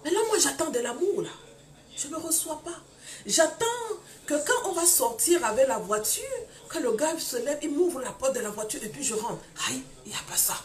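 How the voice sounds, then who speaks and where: A woman preaching a live-streamed testimony sermon, telling her story in an animated way, full of exclamations and acted-out dialogue. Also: high voice, moderate pace.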